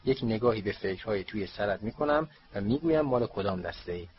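A man's voice: lowish voice, expressive, slight background noise, natural voice. A man voicing an old magical talking hat as it recites its song in a storybook reading, on a dull lo-fi recording. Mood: proud recital.

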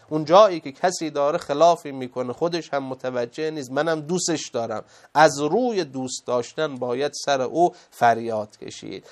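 A man giving a moral lecture as a religious speaker, emphatic and full of rhetorical questions. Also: mid-range voice.

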